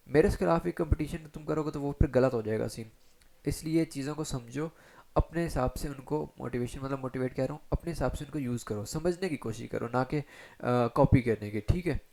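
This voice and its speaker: Man, gravelly voice, chatty tutorial instructor, talks straight to viewers. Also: medium pitch, darkish tone. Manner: chatty, addresses viewers directly with frequent fillers. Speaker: SEO instructor. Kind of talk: screen-share tutorial, casual explaining.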